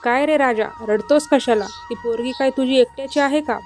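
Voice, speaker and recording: A calm, mysterious old beggar man in a spoken story, as a woman narrator puts him on, gently chiding and unhurried. The voice stays a little high, with faint music playing behind. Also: lightly acted.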